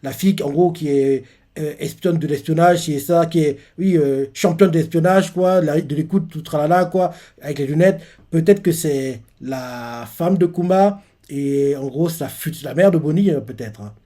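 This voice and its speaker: A man's voice: fairly high pitch, moderate pace, dark tone. A man hosting a manga reaction, casually recapping a chapter in a hesitant way with many fillers and self-corrections.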